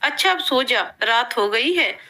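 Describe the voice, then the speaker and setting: A woman voicing a gentle, joking old father. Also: a little high, expressive, unhurried, full character voice. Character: affectionate older father, wealthy hotel owner.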